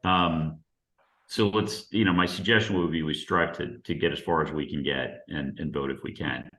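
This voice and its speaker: A man chairing a town committee meeting, halting and procedural, with many fillers. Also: a bass voice, fairly even intonation, fairly bright tone, reverberant.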